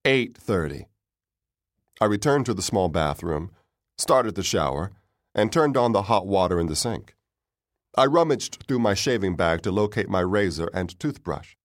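A man giving calm first-person audiobook narration. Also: sits low, normal speed, no room sound, clean studio sound.

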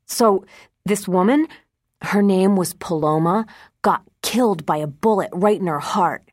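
Woman doing an excited little kid in a storybook, eager and chattery, dry close sound. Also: medium pitch, a little slow, no room sound, natural voice. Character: excitable little boy, five going on six.

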